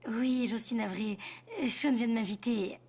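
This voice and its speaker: Friendly high-voiced teenage girl. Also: fairly even intonation, unhurried, creaky. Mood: polite. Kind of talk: French-dubbed film dialogue. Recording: faint background noise.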